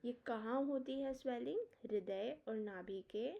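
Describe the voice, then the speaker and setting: A woman's voice: on the high side, a little slow, vocal fry. A woman teaching an Ayurveda exam-prep lecture. She reads Sanskrit verses, explains them in Hindi with English terms, and gives memory tricks. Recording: dull lo-fi lecture recording.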